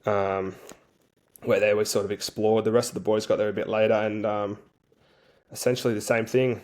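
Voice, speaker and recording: With a lowish, slightly mellow voice, level tone and normal speed, this man recounts stories in a casual interview. He plays rugby league for a national team and talks in a laid-back way full of slang.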